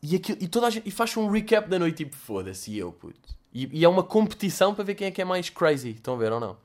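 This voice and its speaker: A man's voice: sits high, expressive, racing. Slangy young man rambling. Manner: slangy, sweary, acts out mock dialogues. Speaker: host answering listener questions. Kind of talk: casual monologue.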